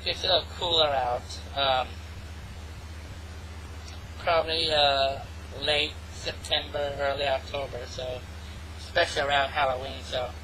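A vlogger talking through an online voice changer that pitch-shifts the voice to sound female, rambling casually with many ums and restarts. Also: fairly even intonation, sharp tone, slight background noise, rough recording. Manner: halting, full of ums and restarts. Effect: pitch-shifted voice changer, meant to sound female. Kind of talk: casual rambling vlog monologue. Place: home, hot climate.

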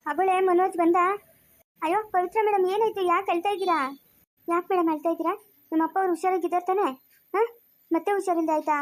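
A woman playing a poor, gentle young male hotel worker who talks in a soothing, coaxing way in a family skit. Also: extremely high pitch. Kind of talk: amateur family skit acting.

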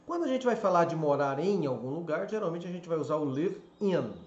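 A man from Brazil teaching an English lesson in a casual, explanatory way, stretching out example words slowly. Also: fairly high pitch, animated, a little mellow. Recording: echoey room, slightly dull lo-fi sound.

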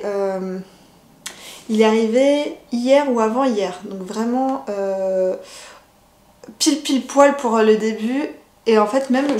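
A woman talks slowly and haltingly, often pausing on fillers and restarting her words. Her voice sits fairly high. The recording is roomy and echoey, with a faint hiss behind her. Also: warm tone. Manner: hesitant, many fillers and restarts. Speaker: knitting vlogger. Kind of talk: casual unboxing chat.

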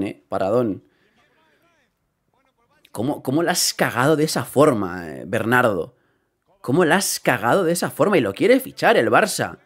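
Excitable man reacting to football. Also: medium pitch. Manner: excitable, swearing, repeats phrases. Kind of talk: live reaction commentary.

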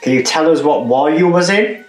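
A man's voice: a little high, normal speed. Man ghost hunting in echoey rooms. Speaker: paranormal investigator. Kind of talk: ghost-hunting vlog, questioning spirits aloud. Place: large empty indoor rooms at night. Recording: echoey rooms, music underneath. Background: music.

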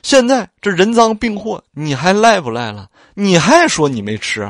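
A man voicing a sharp-tongued, jealous, tipsy mistress who scolds and threatens a maid, in an audiobook reading. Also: sits high, sing-song, normal speed, dry recording, clean studio sound, voice pushed up. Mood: angry scolding.

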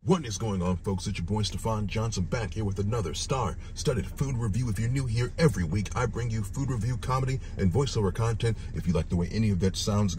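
A man in his thirties with a lisp and slushy s sounds gives a casual, joking, sweary food review. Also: on the low side. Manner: animated, joking, profane. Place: inside a car, driving and parked. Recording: car interior with road noise. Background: vehicle noise.

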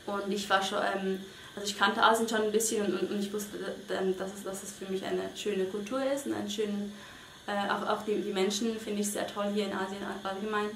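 Hesitant young woman, echoey room. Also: medium pitch. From Switzerland. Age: young adult. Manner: hesitant, many fillers and restarts. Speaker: volunteer interviewee. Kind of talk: casual interview answers. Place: small bedroom indoors. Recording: echoey room with faint noise.

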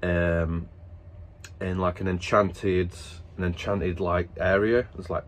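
A man's voice: low voice, level tone, slow pace, slight background noise. A man casually telling a family story to camera, rambling and stop-start, breaking into laughter. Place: at work after dinner.

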